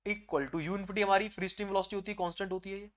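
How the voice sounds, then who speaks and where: A male teacher giving an exam-prep engineering lecture, calling students "beta" and asking and answering his own questions, with energetic swings into loud excitement. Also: sits high, racing.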